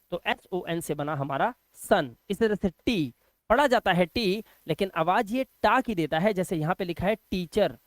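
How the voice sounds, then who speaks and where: A man's voice: sits high, no echo. A man teaching a phonics lesson, patiently spelling words out letter by letter and repeating them.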